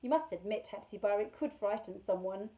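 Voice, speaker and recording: A woman reading aloud and voicing a calm, serious, bookish boy who speaks gently but sternly. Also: mid-range voice, fairly quick, close to an everyday voice, rough recording.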